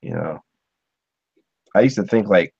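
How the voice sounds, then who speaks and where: This Ohio podcast host sits on the low side, with a creaky, darkish, slightly rough voice and lively intonation at a measured pace. He rambles through casual chat, chuckling and using many fillers. No room sound, but a dull, muffled recording.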